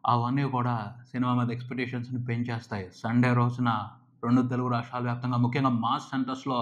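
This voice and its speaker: A man's voice: mid-range voice, completely flat delivery, rapid-fire, muffled recording. A man reviewing a film trailer with emphatic, hyped delivery, piling up short exclamations. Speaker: film commentator.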